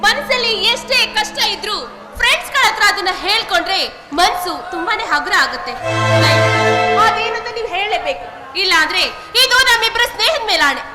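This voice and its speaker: A loyal young woman friend, played by a female actress, speaks in a very high, earnest and pleading stage voice. The sound is echoey, from a live village drama, with music playing clearly behind her. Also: expressive, fairly quick. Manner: earnest, pleading theatrical delivery. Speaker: stage actor.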